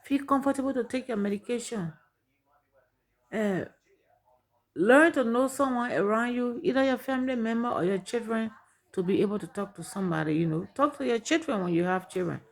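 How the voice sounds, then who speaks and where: A woman's voice: fairly high pitch, a little fast. A middle-aged woman with a Liberian accent, sharing her personal story and giving earnest advice, repeating points for emphasis.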